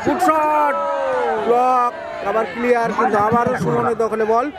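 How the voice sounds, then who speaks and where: A man giving frantic, excited live football play-by-play, stretching his big calls into shouts. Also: extremely high pitch, brisk. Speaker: football commentator. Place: outdoors at a local football match. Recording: noisy outdoor PA with loud crowd. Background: loud crowd and ground noise.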